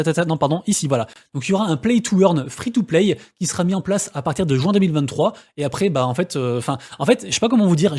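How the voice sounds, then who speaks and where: Mec qui parle vite, un peu aigu, voix voilée, blabla décontracté avec plein de euh. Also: male voice, a little high, a little mellow, husky. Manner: rambling, many fillers and restarts. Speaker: crypto YouTuber. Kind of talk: casual explainer video.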